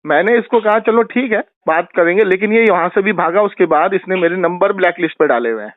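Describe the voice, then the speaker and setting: High-voiced man shouting down a phone. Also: no room sound. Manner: combative, taunting, accusing. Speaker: religious debater. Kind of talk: heated phone argument. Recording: tinny phone line.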